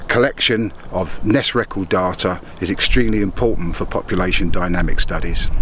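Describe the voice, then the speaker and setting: A man with a very low, deep voice explains things in a measured, steady way. Faint background noise sits under his talk.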